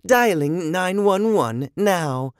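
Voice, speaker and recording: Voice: medium pitch, lively intonation, takes it slowly, no echo, studio quality, pitched above the performer's own voice. A storyteller voicing a polite, literal-minded robot butler who speaks in a formal, stiff way.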